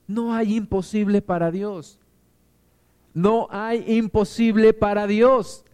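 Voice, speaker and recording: A man preaches in a slow, deliberate rhythm. His voice sits high yet sounds mellow, with a smooth, clear tone. He leans into emphatic repetition as the sermon builds. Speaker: pastor.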